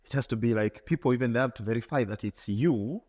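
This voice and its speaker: A man's voice: mid-range voice, quick pace, darkish tone, big-room sound. A man from Tanzania, answering as an interview guest in an earnest, reflective way, often repeating words and restarting.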